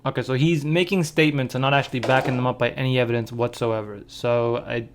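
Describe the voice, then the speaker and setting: A man with a mid-range voice picking apart another video in a calm, steady, reasoning tone. His delivery is casual and conversational, and he stays level as he talks. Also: mid-range voice, a little hiss or hum. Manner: calm, measured, analytical. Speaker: commentary video host. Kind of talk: casual reaction commentary.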